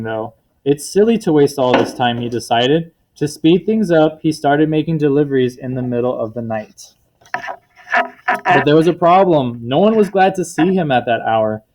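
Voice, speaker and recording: This teacher's voice sits a little high with a darkish tone, heard over slight background noise on poor audio. He reads a picture book to the children, explaining words plainly and stopping to ask questions that check their understanding.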